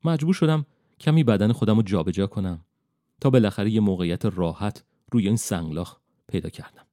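A man reading a fantasy audiobook as first-person narration in a calm, measured way. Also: fairly low pitch, no room sound, studio quality.

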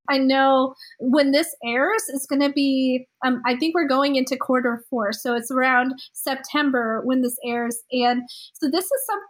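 A woman's voice: sits high, fairly bright tone, rough recording. A woman hosting a podcast, chatty and enthusiastic, sounding a bit stuffy from a cold. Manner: chatty and enthusiastic, rambling asides. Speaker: podcast host. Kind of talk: casual podcast chat.

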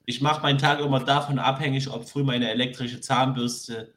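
A man's voice: medium pitch, flat delivery, normal speed, fairly bright tone, echoey room. A young man telling a rambling story in casual slang as a podcast co-host. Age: young adult. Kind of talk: casual chat.

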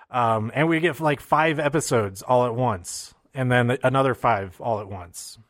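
A man casually recapping wrestling shows, excitable and rambling, with many fillers and restarts. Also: mid-range voice, no echo, clean studio sound.

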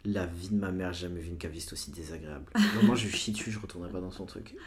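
Guy in his 30s, banlieue n street slang, talks really fast, tells stories acting out who said what. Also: low voice. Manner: French suburb street slang; animated retelling with quoted dialogue. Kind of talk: casual anecdotal storytelling.

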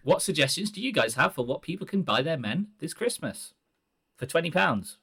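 A man hosting a podcast, reading forum posts aloud in a measured, earnest way. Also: a little high, big pitch swings, fairly bright tone, breathy edge. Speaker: podcast host.

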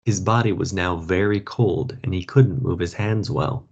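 A man reading a story aloud for learners, slow and expressive. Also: low voice, slightly rough. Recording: dull lo-fi podcast audio.

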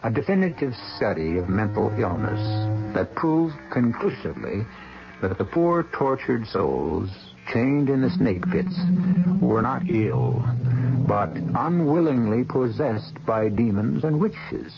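A man's voice: mid-range voice, sing-song, unhurried, gravelly. A man hosting and narrating a horror radio drama with theatrical, sardonic scripted delivery. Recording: dull lo-fi radio recording. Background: music.

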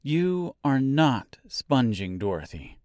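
A man voicing a kind, middle-aged aunt in an audiobook, speaking softly. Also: medium pitch, big pitch swings, slow pace, no echo, clean studio sound. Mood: gentle. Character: gentle caring aunt, middle-aged woman. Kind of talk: audiobook character voice.

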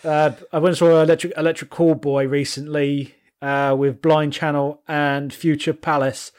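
A man's voice: fairly high pitch, little pitch movement, moderate pace, darkish tone. A British man chatting casually as a podcast co-host. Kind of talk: casual chat.

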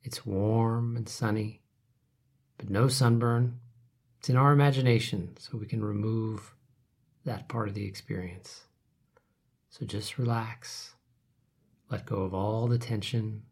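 A man leading a guided relaxation meditation, speaking softly and calmly, his phrases trailing off into whispers. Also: on the low side, slow pace, long pauses, breathy edge. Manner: soft, calm, trailing off to whispers.

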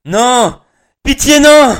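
A man's voice: extremely high pitch, expressive, very slow, fairly bright tone, pitched above the performer's own voice, heavily acted. A man voicing a sick, terrified man who begs for mercy, his pleas climbing into panicked screams. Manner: pleading, rising to panicked screams.

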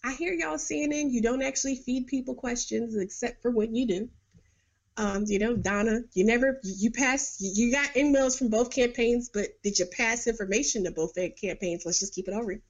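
Blunt and sarcastic, a middle-aged podcast host from New York riffs on politics in a casual monologue, laughing often. She speaks at normal speed in a fairly high-pitched voice.

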